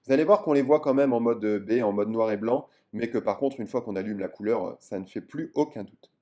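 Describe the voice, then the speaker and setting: A man explains ultrasound to other doctors in a loose, chatty lesson, full of hesitations and eager asides. His voice is mellow and dark, and his pitch sits in an ordinary middle range. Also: fairly quick, muffled recording. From France. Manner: chatty, enthusiastic, many fillers. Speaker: general practitioner teaching ultrasound. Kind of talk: casual video lesson.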